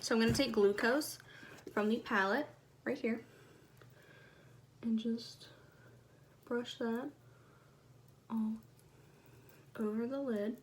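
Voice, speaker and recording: A soft, quiet-spoken woman chatting casually through a makeup tutorial, recorded on a phone. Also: a little high, steady tone, takes it slowly, pauses often, slight background noise. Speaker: beauty vlogger.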